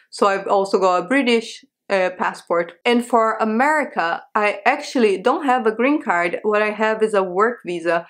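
A young woman speaks straight to camera from a small bedroom. Her talk is chatty and candid, full of asides and rhetorical questions, at a middling pitch. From Brazil. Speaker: vlogger. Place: small bedroom with a sofa, indoors.

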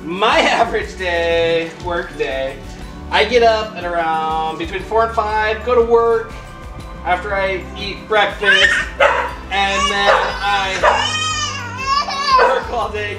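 A man's voice: high voice, a little slow. Man, family vlog host, prompting questions, casual chat, roomy sound, music behind. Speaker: parent asking family Q&A questions.

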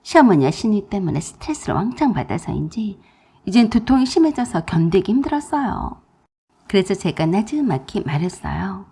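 A woman narrating a dramatized first-person story in an expressive, indignant manner. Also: mid-range voice, normal speed, slightly rough.

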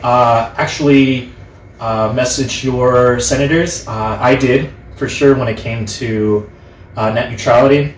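A young man in his twenties chatting casually as host, earnest and halting in the way he talks. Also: medium pitch, steady tone. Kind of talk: casual group chat. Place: living room, on a couch. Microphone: distant camera microphone. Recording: roomy, distant camera mic, background noise.

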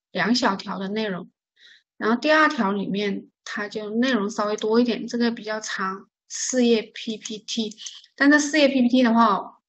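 Woman, vocabulary teacher; steady mid-pitched voice, patient, drills each word by repetition. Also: breathy edge, muffled recording. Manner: patient, repeats words to drill pronunciation; explains stress and silent letters step by step. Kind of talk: online vocabulary lesson.

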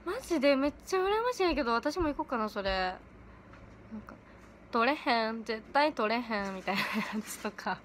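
A teenage girl with a chatting casually on a livestream from home, giggly and quick to laugh. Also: fairly high pitch, a bit bright, slight background noise. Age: late teens. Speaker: idol livestreaming to fans. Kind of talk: casual livestream chat reading comments. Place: at home in pajamas.

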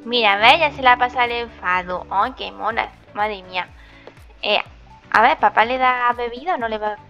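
A woman gives a chatty let's play commentary. She speaks affectionately to the characters on screen. Her voice is high and bright, with faint music playing underneath. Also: normal speed, muffled recording. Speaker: gaming channel host.

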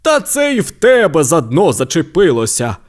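A man voicing a bossy father dinosaur in a children's audio story, with loud, commanding calls. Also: on the high side, wildly swooping pitch, moderate pace.

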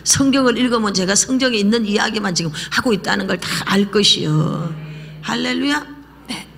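Woman pastor, husky gravelly voice, lively sermon, whispers at times, echo of a church hall. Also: mid-range voice, fairly quick. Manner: lively preaching, drops to whispers and calls for repetition. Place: church sanctuary.

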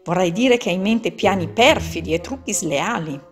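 A woman voicing a grumpy, scornful elephant with a big deep voice in a storybook reading, soft music behind. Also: animated, normal speed, lightly acted.

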